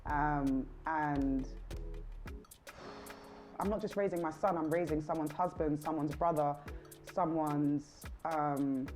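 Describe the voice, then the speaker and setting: A woman's voice: deep voice, takes it slowly, long pauses, soft background music. A woman co-hosting a podcast, talking frankly about single motherhood and acting out the dialogue in her stories. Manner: candid, animated storytelling that acts out dialogue. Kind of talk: casual chat.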